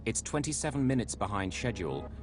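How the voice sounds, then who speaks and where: A man's voice: on the low side, very animated, fast. A man reading dramatic scripted documentary narration as a voice-over. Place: voice-over recording. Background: music.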